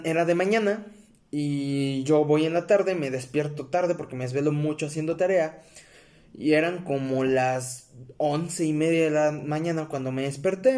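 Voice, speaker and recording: A young man with a Mexican accent talks straight to his viewers in a casual storytelling vlog. His voice sits a little on the high side, and he rambles along with plenty of fillers and self-corrections, calling the audience his friends. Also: a little mellow. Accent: Mexican Spanish. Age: young adult. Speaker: vlogger.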